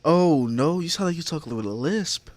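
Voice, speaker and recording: A man's voice: on the high side, animated, moderate pace, a little mellow, no room sound. A young man hosting a podcast, chatting casually with friends on a voice chat, slangy, laughing and swearing freely. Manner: laid-back, slangy, swears a lot, laughs often. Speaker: podcast host.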